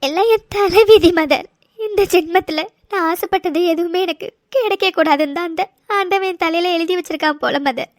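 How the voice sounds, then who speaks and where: Heartbroken young woman, very high and weepy, voiced by a woman. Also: normal speed, no echo, studio quality. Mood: tearful. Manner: tearful, sulky.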